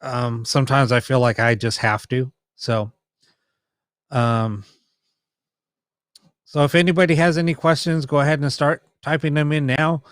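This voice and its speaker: A man's voice: medium pitch, smooth, no echo, clean studio sound. A man hosting a paranormal live stream, chatting casually and explaining things to viewers in a rambling, informal way. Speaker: host of a ghost box session live stream.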